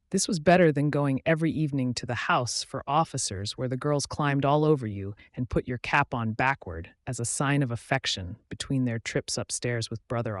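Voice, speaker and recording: A man reading an audiobook in a measured, unhurried scripted narration on a close studio mic. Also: mid-range voice, no room sound.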